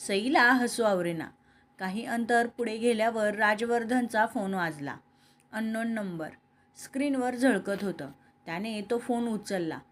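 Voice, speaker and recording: Her voice a little high and her pace unhurried, a woman reads a romantic serial story with dialogue, giving all the characters her own voice rather than distinct ones.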